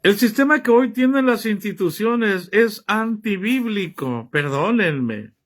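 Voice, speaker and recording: A man's voice: sits high, expressive, slow. A man preaching a sermon, reading scripture aloud and pressing his listeners with rhetorical questions. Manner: reads scripture aloud and comments on it.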